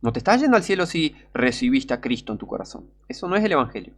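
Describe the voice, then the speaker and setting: A man with a Rioplatense Spanish accent preaching a sermon, urgent and pleading, sometimes breaking into shouts. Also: medium pitch, very animated, fast talker.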